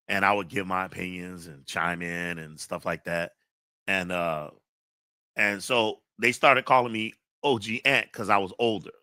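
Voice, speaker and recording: A middle-aged man hosts a live stream in a rambling, relaxed chat full of ums. His voice sits low but has a bright, forceful edge. The sound is close and dry. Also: dry recording. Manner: rambling, relaxed, many fillers. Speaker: host.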